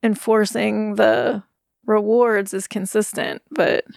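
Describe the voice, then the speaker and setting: A woman's voice: medium pitch, fairly even intonation, slow, creaky, dry recording, clean studio sound. A middle-aged woman co-hosting a podcast from her bedroom, talking earnestly and rambling with many "like" fillers. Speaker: podcast co-host. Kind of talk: casual chat. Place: bedroom at home.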